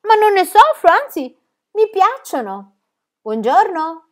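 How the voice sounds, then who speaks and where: Woman putting on a loud, gleeful little girl. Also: very high voice, big pitch swings, takes it slowly, pitched above the performer's own voice, exaggerated voice. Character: bold cheerful little girl.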